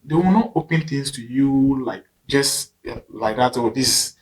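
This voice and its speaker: A young Ghanaian man, a footballer and coach, telling his story in a halting casual interview and repeating his phrases. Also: medium pitch, a little mellow, low-quality recording.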